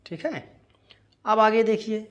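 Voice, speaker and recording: Man teaching Hindi spelling, slightly high voice. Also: highs cut off. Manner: asks and answers his own questions, repeats words slowly. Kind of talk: spelling lesson.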